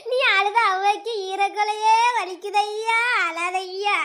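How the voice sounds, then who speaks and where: A woman acts out a grieving old village grandmother in a comedy skit, wailing her laments. The voice is piercingly high and bright, and she sobs and sings as she mourns. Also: fairly even intonation, takes it slowly, full character voice. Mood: lamenting.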